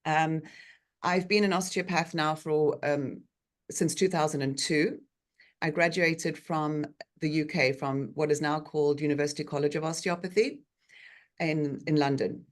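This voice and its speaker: A South African osteopath in her forties is a guest speaker giving a chatty online talk over a video call from a bright treatment room. Her voice is low and steady, a little slow, with frequent ums.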